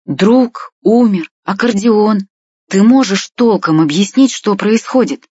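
A woman voicing a fussy elderly grandmother who nags and scolds with shrill questions. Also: expressive, normal speed, breathy edge, no room sound. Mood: scolding. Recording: dull, dry lo-fi recording.

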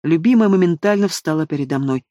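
A man reading a fantasy audiobook in the first person, expressive and dramatic. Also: fairly high pitch, fast talker, no room sound, clean studio sound. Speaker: audiobook narrator.

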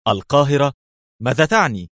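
A man voicing a tense, sharp young woman agent in a spy story. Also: medium pitch, very animated, a little fast, no room sound, studio quality, pitched above the performer's own voice. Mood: alarmed. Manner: sharp, urgent questions.

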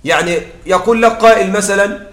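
High-voiced man teaching grammar, echoey. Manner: explanatory, checks in with listeners often; halting restarts mid-word. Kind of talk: Arabic grammar lecture.

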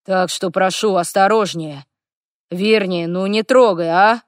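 Woman doing a gruff exasperated dragon man. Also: medium pitch, steady tone, unhurried, no echo, clean studio sound, close to an everyday voice. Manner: brusque, snapping retorts. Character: male dragon in human form, gruff and exasperated. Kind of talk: audiobook character voice.

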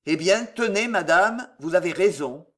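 A reader voicing an awkward, reticent old soldier in a storybook reading, speaking low and haltingly. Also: lively intonation, a bit bright. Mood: grave.

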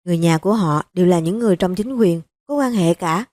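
A junior policeman answering his boss in a low, careful way, as a woman reader puts him on. Her voice is warm and mellow, with a dry close sound. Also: quick pace, no room sound, close to an everyday voice. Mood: cautious. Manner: quiet, deferential. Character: young male police subordinate, cautious.

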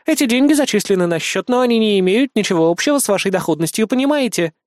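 A man's voice: high voice, lively intonation, quick pace, no room sound, studio quality. A man voicing a stern female marriage registry clerk who talks in a formal, lecturing way. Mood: stern officious.

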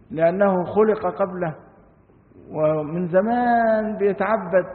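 An Egyptian sheikh teaching Quran commentary reads classical passages, then explains them casually in colloquial Egyptian Arabic, posing rhetorical questions to his listeners. His voice is high, and the thin, phone-like sound has a long hall echo behind it.

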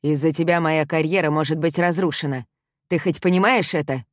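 A woman's voice: low-pitched, fairly even intonation, brisk, dry recording, studio quality, close to an everyday voice. A woman reading the part of a bitter, mocking young ex-boyfriend in a storybook, with a sneering manner. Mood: angry.

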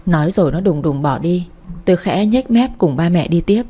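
Woman narrator, dark mellow tone, sardonic first-person storytelling. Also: fairly low pitch, lively intonation, normal speed, breathy edge. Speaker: audiobook narrator.

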